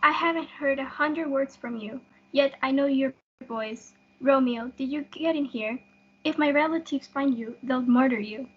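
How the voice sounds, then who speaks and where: A woman's voice: sits high, moderate pace, close to an everyday voice. A young woman playing a lovestruck, earnest, conflicted young Juliet in a student reader's theatre performance. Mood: anxious, fond. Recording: dull lo-fi audio.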